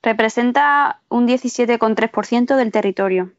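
Una mujer malagueña con acento andaluz responde con calma y precisión, siempre con frases completas. La grabación es seca y sin eco. El sonido llega apagado y de baja calidad. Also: female voice, fairly high pitch, moderate pace, no echo, highs cut off. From Málaga, Spain. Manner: calm, precise, full-sentence answers. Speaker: guest answering questions. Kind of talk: question-and-answer lesson.

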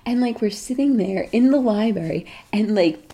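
A woman chatting casually with a friend, telling a lively story and acting out the people in it. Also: mid-range voice, normal speed, husky. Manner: animated storytelling, acts out kids and other adults. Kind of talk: casual phone chat.

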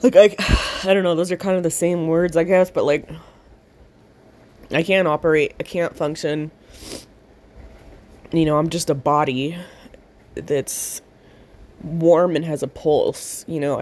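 Slow, rambling woman on a handheld voice recorder. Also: low-pitched, a little mellow. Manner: rambling, profane, slow with long pauses. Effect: handheld voice recorder held to the mouth. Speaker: audio diary host. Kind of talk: casual spoken audio diary. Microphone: handheld voice recorder close up.

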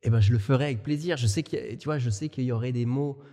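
Dark-voiced French man, halting. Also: mid-range voice, in a large hall. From France. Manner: thoughtful, halting, many restarts. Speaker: podcast co-host. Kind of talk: casual conversation.

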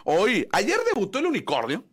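Sports radio guy, bouncy lively voice, chatting and joking on air. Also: high voice, normal speed, breathy edge. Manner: lively, animated, jokes and laughs. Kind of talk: casual sports radio chat.

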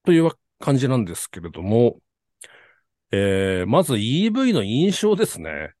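A man's voice: mid-range voice, very animated, moderate pace, darkish tone, no room sound, studio quality. A man hosting a car talk podcast, speaking in very polite, formal, announcer-like phrasing. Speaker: podcast host.

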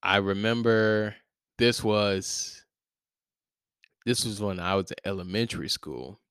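A man's voice: lowish voice, slow, a bit bright, smooth, no room sound. Casual young male podcast co-host, laid-back slangy storyteller, dry close mic. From St. Louis area.

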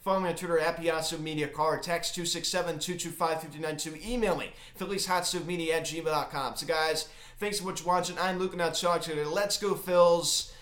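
A man hosting a casual sports recap, talking in a halting, emphatic fan's manner, recorded in an empty closet. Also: on the high side, fairly even intonation, a bit bright. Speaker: sports recap video host. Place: empty unfurnished closet in a home. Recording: echoey small bare room.

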